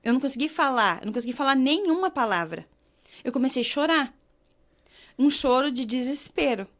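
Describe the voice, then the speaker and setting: A woman from Brazil earnestly telling a personal faith testimony, slowing down when she reads scripture aloud. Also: high voice, lively intonation. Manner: earnest, emotional storytelling, slows to read scripture. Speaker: guest sharing her testimony.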